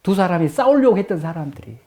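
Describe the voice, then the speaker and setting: A middle-aged man preaching a sermon as a pastor, telling stories and acting out the people in them, moving from hushed lines to loud exclaiming. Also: sits high, fast. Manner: lively, acts out dialogue, swings from hushed to loud exclaiming. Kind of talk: sermon with told anecdotes.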